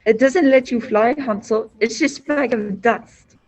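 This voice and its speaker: A woman's voice: on the high side, a little slow, a little mellow. A woman playing a matter-of-fact, innocent little girl in a comic school stage play, with a dry delivery.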